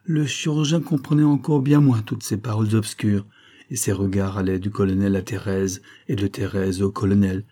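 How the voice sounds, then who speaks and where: A man reading a novel aloud in steady, measured narration. His voice sits low and husky, with a dark, mellow tone. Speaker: audiobook reader.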